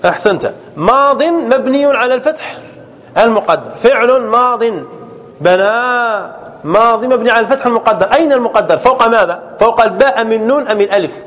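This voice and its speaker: A man teaching a grammar class, drilling verb forms slowly and checking often that students follow. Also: extremely high pitch, animated, a bit bright, long reverb tail. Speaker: sheikh teaching Arabic grammar.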